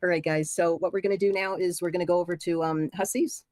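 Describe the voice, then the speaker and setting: A middle-aged woman with a low voice, signing off her livestream with loose, rambling chatter aimed at the chat. The sound is dry and close. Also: steady tone, fast talker, a little mellow, no echo. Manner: rambling, talks straight to chat with many fillers. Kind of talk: casual stream sign-off.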